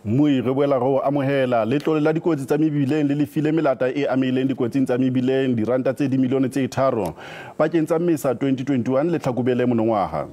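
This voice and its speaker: Casting: male broadcast news presenter, Sotho accent from South Africa, quick delivery, mellow timbre. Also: mid-range voice. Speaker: news anchor.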